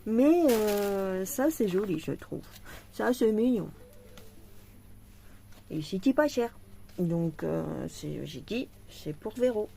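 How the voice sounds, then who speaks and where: Brief: woman vlogger, tired, chatty, mellow warm tone, indoors at home. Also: mid-range voice, expressive, slow pace, vocal fry, pauses often. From France. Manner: chatty, talks to the viewer, laughs often. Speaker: cross-stitch vlogger. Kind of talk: casual chat unboxing a craft kit.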